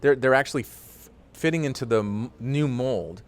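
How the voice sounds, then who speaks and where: A man's voice: medium pitch, moderate pace. A middle-aged man, a voiceover artist and teacher, talking as a guest in an earnest, enthusiastic way and often repeating himself. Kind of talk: casual interview talk.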